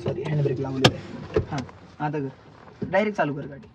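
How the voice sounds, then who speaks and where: Here the Maharashtrian instructor talks quickly in a voice on the high side, barking the same short orders again and again from the passenger seat. It's casual coaching inside a moving car, recorded muffled under heavy road noise.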